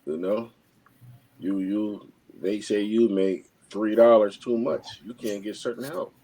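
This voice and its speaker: A man talking as a guest in a casual podcast discussion, halting and often repeating words. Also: on the low side, mellow, slight background noise, poor audio.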